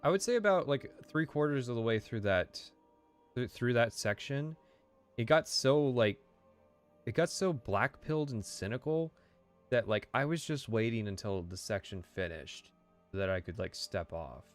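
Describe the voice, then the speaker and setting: A man's voice: medium pitch, lively intonation, normal speed, faint music behind. A man streaming live, chatting casually in a rambling, profane way with lots of fillers.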